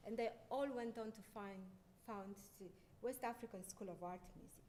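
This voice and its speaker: A woman's voice: moderate pace, mellow. A middle-aged woman from Romania, a concert pianist, giving a lecture with frequent fillers and restarts. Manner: hesitant, many fillers and restarts. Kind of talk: lecture presentation. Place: lecture hall. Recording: faint background noise and rumble.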